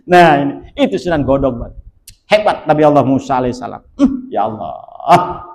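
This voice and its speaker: A man's voice: mid-range voice, sing-song, normal speed, darkish tone, poor audio. A man, preaching a casual storytelling sermon in a jokey way and often addressing his listeners directly. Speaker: Islamic preacher.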